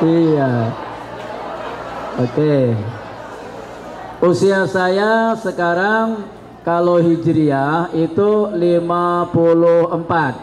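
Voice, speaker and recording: A man in his fifties, an Islamic studies lecturer from South Sumatra, talking to students in a slow, chatty, joking way. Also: fairly high pitch, some chatter behind. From South Sumatra, Indonesia. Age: 50s. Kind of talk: classroom talk to students. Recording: reverberant hall with faint background noise.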